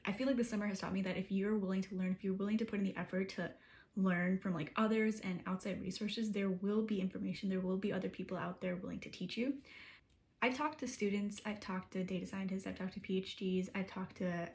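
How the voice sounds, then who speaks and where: A young woman in her early twenties chats straight to camera in a relaxed vlog. She rambles, with "like" after every few words and modest, self-deprecating asides, in an ordinary mid-range voice. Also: medium pitch, brisk. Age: 20s. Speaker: college student vlogger. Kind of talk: casual talking-to-camera vlog.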